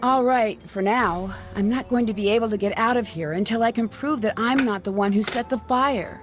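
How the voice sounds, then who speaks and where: An actress playing a calm young female detective in a mystery game. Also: on the high side, normal speed, soft background music, lightly acted.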